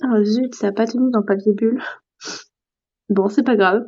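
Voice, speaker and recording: A woman hosting a livestream, chatting casually while playing with toys. She makes quick, flustered asides. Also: medium pitch, fairly even intonation, a little mellow, highs cut off. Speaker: livestream host.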